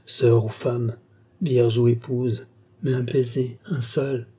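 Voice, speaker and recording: A man's voice: mid-range voice, flat delivery, slow, dark tone, slightly rough. A man reading as a passionate young woman. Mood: yearning. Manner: pleading, impassioned delivery. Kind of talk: audiobook character reading.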